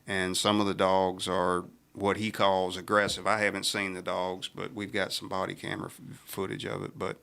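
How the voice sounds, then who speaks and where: A man's voice: low-pitched, monotone, normal speed, gravelly, few pauses, pushed and bright, clear, resonant tone. A middle-aged man, a sheriff on a radio talk show, telling rambling stories with many restarts. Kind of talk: casual radio chat, storytelling.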